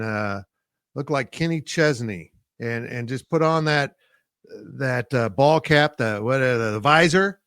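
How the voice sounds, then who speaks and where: A man's voice: mid-range voice, a bit bright, dry recording, clean studio sound. A man co-hosting a sports show in casual chat, with a wry, sardonic way of talking.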